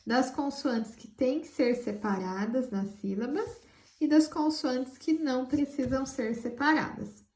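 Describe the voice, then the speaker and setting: Patient Brazilian teacher, high voice, echoey. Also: female voice, darkish tone. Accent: Brazilian Portuguese. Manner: patient, explains slowly, spells out words; affectionate toward pupils. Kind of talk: school lesson for children.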